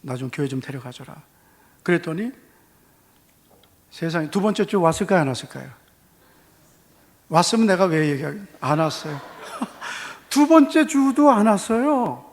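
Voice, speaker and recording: A man with a Gyeongsang Korean accent preaching a testimony sermon, telling his story with lively acted-out dialogue. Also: sits high, normal speed, pauses often. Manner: animated storytelling, acting out dialogue. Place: church hall. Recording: long church reverb.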